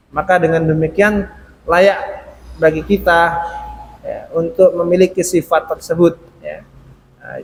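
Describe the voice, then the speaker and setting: A man preaching to a congregation, telling a story and acting out the people in it, with a frequent "ya" between phrases. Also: sits high. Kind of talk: sermon. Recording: reverberant hall, faint noise.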